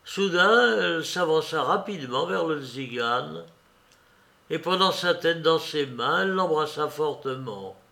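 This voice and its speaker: A man narrating a literary novel as an audiobook in a slow, measured reading. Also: fairly high pitch, expressive, vocal fry, pushed and bright.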